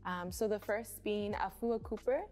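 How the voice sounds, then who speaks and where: Calm, thoughtful woman in her twenties. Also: mid-range voice, faint music behind. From Canada. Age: 20s. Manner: calm, thoughtful, frequent "um" pauses. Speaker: artist and DJ interviewed in a short film. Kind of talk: reflective personal talk to camera.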